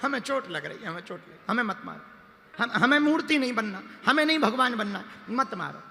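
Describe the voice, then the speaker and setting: Man voices a sobbing storybook stone: self-pitying, whimpering pleas, hushed. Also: very high-pitched, lively intonation, fairly quick, vocal fry, in a large hall, heavily acted. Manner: whimpering, pleading. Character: weeping self-pitying stone being carved.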